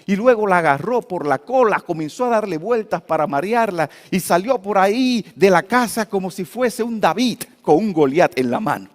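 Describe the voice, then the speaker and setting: A man preaching a sermon as pastor, telling a story and swinging from quiet asides to loud, emphatic peaks. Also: sits high, animated, normal speed, few pauses. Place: church hall. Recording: long church hall reverb.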